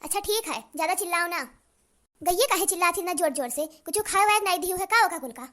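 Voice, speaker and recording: A shrill, very high, bright cartoon voice of a scolding old village mother, put on by a woman. She shouts, curses and bosses people around in a rural eastern Uttar Pradesh accent. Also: a little fast. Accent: eastern Uttar Pradesh rural dialect. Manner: shouting, cursing, bossy. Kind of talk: cartoon voice acting.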